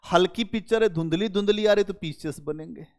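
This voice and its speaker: A male history teacher giving a lively, conversational classroom lecture and talking straight to his students. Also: sits high, fairly quick. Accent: Hindi-speaking North Indian. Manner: animated, conversational, addresses students directly.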